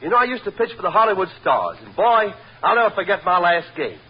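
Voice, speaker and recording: A man's voice: high voice, big pitch swings, fast talker, slightly rough, full character voice. A man playing a skinny, boastful ex-ballplayer who tosses off jokes in a 1940s radio comedy. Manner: breezy joke-telling guest. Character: skinny wisecracking male ex-pitcher, boastful. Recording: dull old radio recording.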